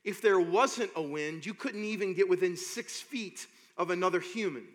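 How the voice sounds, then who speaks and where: Impassioned preacher in a reverberant hall. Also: male voice. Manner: builds from low reading to loud, impassioned preaching; reads scripture slowly and deliberately. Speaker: pastor. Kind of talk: sermon.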